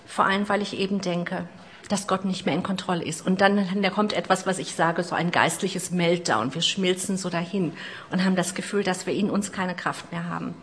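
A middle-aged woman preaching a sermon, retelling a story with personal asides, moving between loud emphasis and hushed lines. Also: lowish voice, fairly even intonation, moderate pace, a little hiss or hum.

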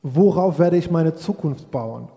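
A man's voice: on the high side, animated, unhurried, vocal fry, warm tone. A man preaching a sermon, reflective and speaking straight to his congregation, now and then acting out quoted voices. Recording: long hall reverb.

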